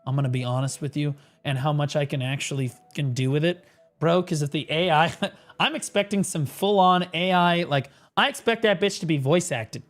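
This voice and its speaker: A man's voice: fairly high pitch, moderate pace, faint music behind. A man on a livestream headset mic, ranting sarcastically and swearing through casual game commentary. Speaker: livestream gamer.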